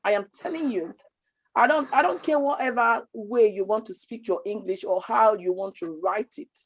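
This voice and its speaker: Husky and on the high side, her voice moves at a moderate pace. She's a Nigerian woman with a Nigerian accent, a Nigerian language as her first language, who speaks with passion and emphasis on a casual talk show, frequently repeating herself.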